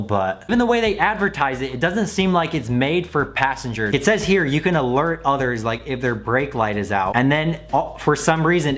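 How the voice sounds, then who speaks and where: A man's voice: mid-range voice, fairly bright tone. A man giving casual, joking commentary as a video host, critical and mocking in manner. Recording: music playing behind the voice. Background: background music.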